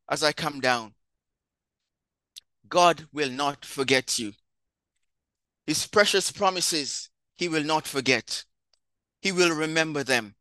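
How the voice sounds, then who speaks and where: A male preacher with a high, ringing voice. He swells into emphatic declarations when quoting scripture, then settles back into a hushed, earnest close. The sound is dry and close-up. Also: no room sound. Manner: rising to emphatic proclamations on scripture, then winding down softly. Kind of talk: sermon.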